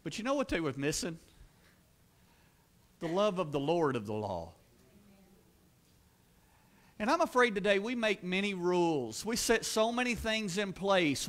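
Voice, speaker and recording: A man with a high, light voice delivers a church sermon. He preaches earnestly and emphatically, repeating key words and pushing his voice up and louder at the peaks. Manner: earnest, emphatic preaching with rising exclamations and repetition. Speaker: pastor. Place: church sanctuary.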